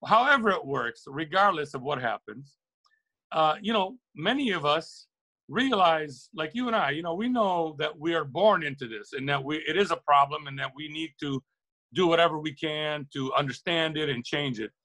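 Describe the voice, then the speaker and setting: A middle-aged Lebanese record shop owner, appearing as an interview guest, talks earnestly and reflectively, often repeating and rephrasing words for emphasis. His voice sits on the high side, bright and forceful, at a normal speed. The opinionated interview talk comes through poor audio.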